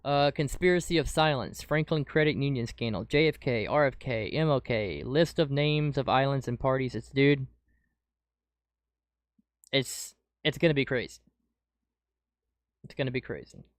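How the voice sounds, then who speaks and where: This podcast host, an excitable man who keeps saying "dude," reacts to news with casual commentary over clips. His medium-pitched voice moves at normal speed with frequent pauses, and he's losing his voice as he gets sick. A close desk mic gives a dry recording.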